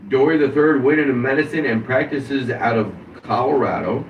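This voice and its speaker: A man's voice: medium pitch, moderate pace. A man, hosting a casual wrestling podcast, reading through a wrestler's career with offhand asides. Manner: reads a career recap with asides. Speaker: podcast host. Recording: dull, roomy, distant mic with hiss.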